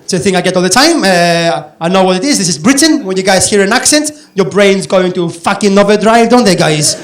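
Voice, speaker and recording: A man's voice: high voice, lively intonation, brisk. Greek man doing brash stand-up. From Greece. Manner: brash, sweary, conversational with the crowd. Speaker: stand-up comedian. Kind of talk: stand-up comedy set. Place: comedy club stage. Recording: roomy club with audience laughter.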